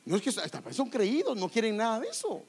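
A middle-aged male pastor preaching a sermon, animated and direct, often calling his listeners brother. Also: sits high, a little fast, husky.

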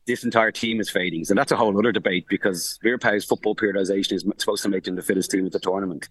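Fast-talking sports reporter, deep voice. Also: male voice, breathy edge, no echo, poor audio. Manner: rapid, animated, full of restarts and fillers. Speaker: sports journalist reporting from the tournament. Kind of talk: casual podcast analysis. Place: remote link from abroad.

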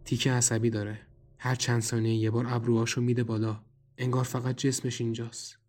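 A man's voice: mid-range voice, level tone, a little mellow. A man narrating a horror audio drama in the first person and speaking his own character's lines in a tense, wary way. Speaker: narrator and writer.

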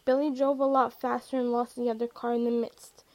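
A woman narrating a story in a plain, steady reading voice. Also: a little high, brisk.

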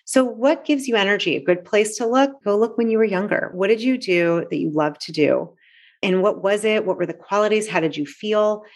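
A woman's voice: mid-range voice, a little fast. A woman in her forties, a coach, talking earnestly and reflectively in a casual interview, with many fillers. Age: 40s. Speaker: coach and author.

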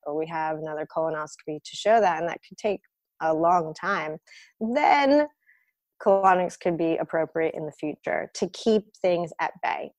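A woman's voice: low-pitched, moderate pace, dry recording. A woman guest who works as a colon hydrotherapist and who grew up in the United States, explaining her work frankly with plenty of fillers. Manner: practical, frank, lots of fillers. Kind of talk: explanatory interview talk.

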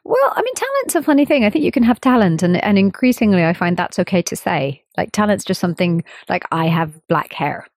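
A woman in her thirties, a musician, answering interview questions in a thoughtful, measured way and laughing easily. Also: medium pitch, big pitch swings, darkish tone, no echo, clean studio sound. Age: 30s. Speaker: interview guest, sitar player. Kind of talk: relaxed conversational interview.

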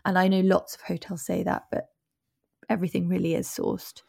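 Gravelly-voiced woman in easy podcast chat. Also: fairly low pitch, little pitch movement, moderate pace, darkish tone, dry recording, clean studio sound. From Devon, England. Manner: chatty, enthusiastic, with wry asides. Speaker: travel journalist guest.

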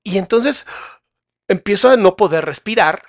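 A man's voice: high-pitched, expressive, normal speed, dry recording, studio quality. A man with a Mexican accent telling a personal story in a casual, slang-filled way. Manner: casual, slangy, re-enacting dialogue. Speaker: podcast host.

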